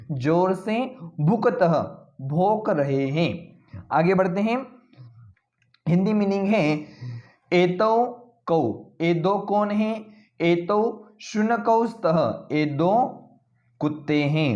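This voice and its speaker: Slow, patient male Sanskrit teacher. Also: high-pitched, darkish tone, highs cut off. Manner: reads each Sanskrit word slowly, then explains it in Hindi. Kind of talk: classroom lesson explaining word by word.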